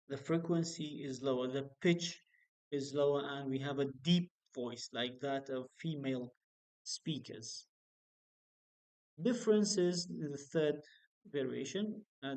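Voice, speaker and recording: A male university lecturer, a native Kurdish speaker, explaining phonetics slowly with frequent fillers. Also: a little high, a little mellow, low-quality recording.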